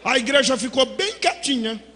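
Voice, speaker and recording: Man pastor, very high voice, fervent shouting sermon, echoey church hall. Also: expressive, moderate pace, husky. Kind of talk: storytelling sermon.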